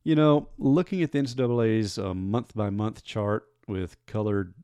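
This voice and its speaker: Wry man, low dry voice. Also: steady tone, normal speed, warm tone, clear, resonant tone, dry recording. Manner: wry, conversational, self-mocking asides. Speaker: sports beat reporter and podcast host. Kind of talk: solo podcast commentary.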